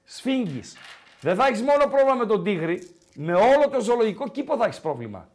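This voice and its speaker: A man's voice: sits high, sing-song. A man hosting a call-in sports radio show, talking casually and animatedly and repeating himself for emphasis.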